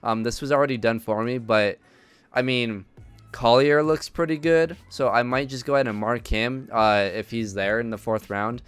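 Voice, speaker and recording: A man's voice: medium pitch, steady tone, moderate pace, clear, resonant tone, no room sound. A man giving casual gameplay commentary, thinking aloud with many ums and uhs. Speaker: video game commentator.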